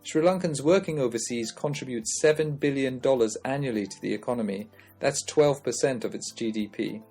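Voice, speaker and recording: A male podcast host reads a scripted introduction and then poses interview questions at a measured pace. His mid-range voice has a darkish, breathy quality, with faint music playing in the background.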